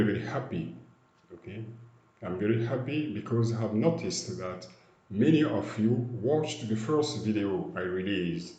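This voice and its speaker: Slow, deliberate man teaching English. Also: lowish voice, mellow, roomy sound. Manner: slow, deliberate, repeats each phrase in two languages. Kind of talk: slow bilingual language lesson.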